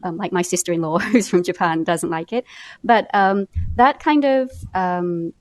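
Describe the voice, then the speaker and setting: A woman's voice: lowish voice, moderate pace, dry recording. A woman from England with an English accent, talking casually and reflectively in a group discussion. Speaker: podcast panelist.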